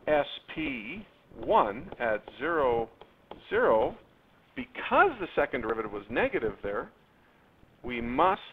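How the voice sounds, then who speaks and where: A male math teacher walks his class through a worked example, his pitch swinging widely as he leans into key words. The classroom recording sounds thin and phone-like, with a faint hiss underneath. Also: gravelly. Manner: lively, stretches words, spikes up on key terms; addresses students directly.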